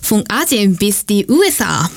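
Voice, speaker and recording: A woman from Japan, a Japanese native speaker, reading a prepared presentation slowly in learner's German. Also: medium pitch, sing-song, gravelly. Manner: slow, careful learner's German. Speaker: student presenter. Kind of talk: read-aloud presentation.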